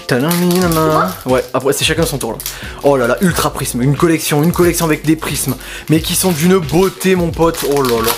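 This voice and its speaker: A young man with a French accent hosting a casual card-opening video, chatting to viewers and breaking into excited exclamations. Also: on the high side, fairly quick, over music. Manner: excitable, bursts into loud exclamations over cards; chatty, addresses viewers as buddies.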